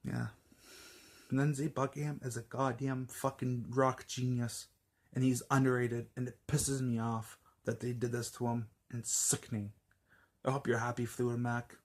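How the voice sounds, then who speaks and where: A man's voice: mid-range voice, little pitch movement, normal speed. A man ranting casually to camera in a vlog, angry, rambling with many fillers, restarts and swear words. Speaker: vlogger.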